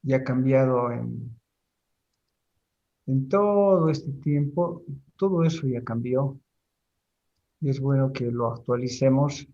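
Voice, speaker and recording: A middle-aged man lectures a university class at an unhurried pace, his voice warm and relaxed. He pauses often and repeats words as he works through each point. The recording sounds muffled and lo-fi. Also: mid-range voice. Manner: slow, deliberate, pausing and repeating words.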